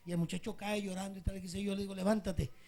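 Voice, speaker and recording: A man's voice: high voice, level tone, very fast, a little mellow. A male pastor preaching a sermon with passion, telling stories to his congregation. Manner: impassioned storytelling preacher.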